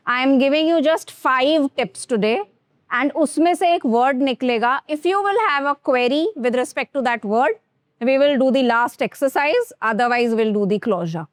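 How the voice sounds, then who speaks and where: A high-voiced woman with an Indian accent leads a grooming class, mixing Hindi and English as she talks straight to her students. She speaks slowly and deliberately, drawing words out. The sound is dry and close, with little room echo. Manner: mixes Hindi and English, addresses students directly. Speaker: teacher.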